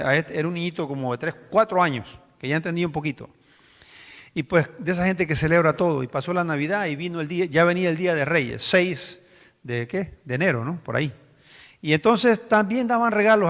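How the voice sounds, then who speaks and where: A man's voice: a little high, fairly bright tone, big-room sound. A male pastor preaching a sermon, telling stories in a conversational way and asking the congregation rhetorical questions.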